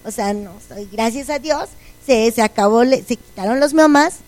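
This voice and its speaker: A woman's voice: on the high side, moderate pace, darkish tone, no echo, rough recording. A woman giving a religious testimony to a congregation, telling her story earnestly and acting out the conversations in it. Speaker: church testimony speaker.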